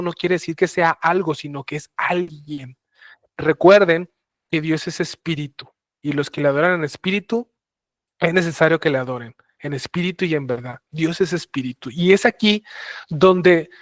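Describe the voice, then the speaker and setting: A man's voice: fairly high pitch, no echo, studio quality. Man teaching a Bible lesson. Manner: explains slowly, many restarts and fillers. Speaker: preacher.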